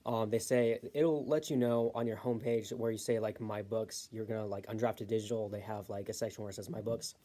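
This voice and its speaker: A man's voice: on the low side, steady tone, brisk, few pauses, mellow. A man giving a casual, unscripted self-publishing tutorial, rambling with lots of fillers and stopping to correct himself.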